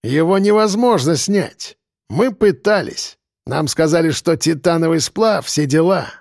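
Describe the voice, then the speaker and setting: A man voicing a shifty, evasive former prisoner in an audiobook, with a husky, wheedling manner. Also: fairly high pitch, lively intonation, a little slow, a little mellow, dry recording, clean studio sound. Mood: flat. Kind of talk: audiobook character voice.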